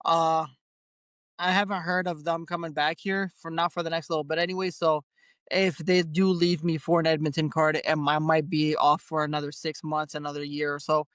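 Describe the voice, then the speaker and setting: A man's voice: on the high side, little pitch movement, moderate pace, a bit bright, clean tone, no echo. A man being interviewed as a bare knuckle fighter, talking in an easygoing way and laughing often. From Canada. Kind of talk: casual interview.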